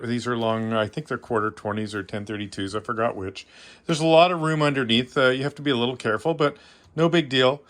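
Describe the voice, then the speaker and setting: A man with a Canadian accent, an amateur radio hobbyist, gives a casual, unscripted tour of his setup in a modest, self-deprecating way. His voice is medium-pitched with a sharp tone.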